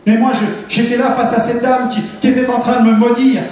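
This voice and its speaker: A man's voice: very high voice, little pitch movement, fairly quick, a little mellow. A man giving a fervent, dramatic testimony sermon in a large church hall. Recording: echoey hall, distant mic.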